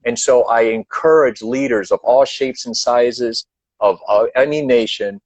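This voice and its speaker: A man's voice: mid-range voice, a little slow, no echo. Emphatic guest speaker, man, repeats points, dull dry call audio. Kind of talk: earnest advice in a live online chat.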